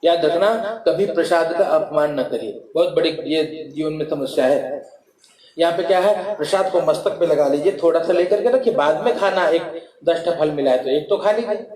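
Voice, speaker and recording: Preacher man, folksy devotional storyteller, a bit high-pitched, reverberant room. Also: moderate pace, a little mellow. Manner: folksy storytelling with acted quotes and chanted verses. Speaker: kathavachak preacher.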